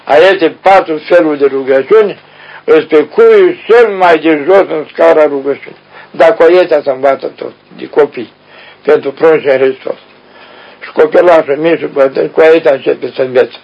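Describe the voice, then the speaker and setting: A man's voice: a little high, vocal fry. Folksy man preaching on old radio. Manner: folksy, addresses listeners directly with rhetorical questions. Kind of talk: spiritual teaching sermon. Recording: dull lo-fi radio recording.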